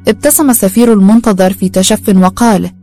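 A woman narrating a story in a calm, steady reading voice. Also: mid-range voice, fast talker, soft background music.

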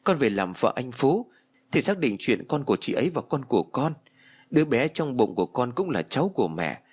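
A man's voice: medium pitch, sing-song, a little fast, breathy edge. A man voicing an earnest, anxious young pregnant wife who speaks with urgency in an audiobook. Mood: urgent pleading. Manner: urgent, pressing.

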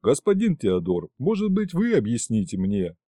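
A man's voice: mid-range voice, huge pitch swings, moderate pace, mellow, no echo. A man voicing a courteous, earnest ambassador who speaks formally and sounds confused. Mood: puzzled. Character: polite, earnest French ambassador, middle-aged man.

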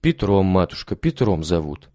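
Man voicing a humble old beggar, pious, timid, storybook, animated delivery. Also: deep voice, moderate pace, no echo, clean studio sound, voice pushed down. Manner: meek, pious, grateful.

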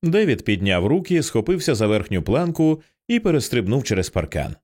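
A man narrating an audiobook in an expressive, tense storytelling style. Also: mid-range voice, fairly quick.

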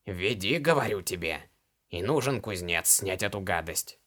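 A man voicing a stern, imperious old female shaman in a low, hoarse voice, speaking slowly and curtly in an audiobook. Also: animated, a bit bright. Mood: grim. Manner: slow, curt, menacing.

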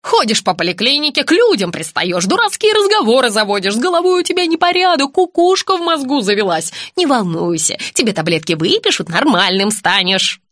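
A woman voicing a stubborn, loud old woman patient who scolds in folksy speech. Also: a little high, sing-song, fairly quick, few pauses, no echo, studio quality. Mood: grumbling.

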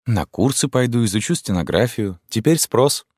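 A man reading an audiobook voices a proud, hot-tempered young daughter who turns shrill and sharp. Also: animated, normal speed, slightly rough, no room sound, clean studio sound. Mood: defiant.

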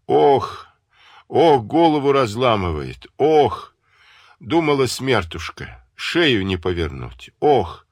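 A man's voice: medium pitch, sing-song, slow pace, no room sound, studio quality, pitched above the performer's own voice, heavily acted. A man voicing a frightened, complaining old mother who groans and wails. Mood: wailing. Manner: groaning, wailing.

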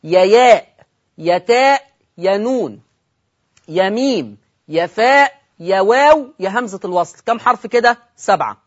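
A man with an Egyptian accent teaching Quran recitation on television, quizzing his listeners, repeating key points and slowing down to recite examples. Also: sits high, animated. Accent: Egyptian Arabic. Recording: dull lo-fi broadcast audio.

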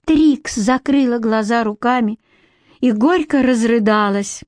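A woman narrating a children's fantasy audiobook in an even, measured way. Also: a little high, no room sound, clean studio sound. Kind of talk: storybook narration.

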